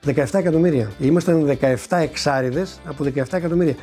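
A man's voice: on the high side, warm tone, soft background music. An older man recounting a personal story to an interviewer, acting out the dialogue and stumbling over repeated words when he is moved. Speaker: interviewee recounting a lottery win. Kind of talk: personal anecdote told to an interviewer.

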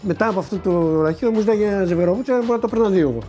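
Soft music plays behind a warm, high-sitting male voice. It belongs to an older interviewee sharing his lottery-win story, performing the dialogue and repeating words haltingly when feelings rise.

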